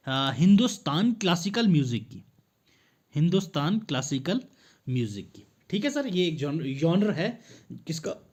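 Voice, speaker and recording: Hindi-coaching teacher, higher voice. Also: male voice, a little mellow. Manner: addresses viewers as sir, checks in with "clear?"; mixes Hindi with English phrases. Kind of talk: exam prep lesson with MCQs.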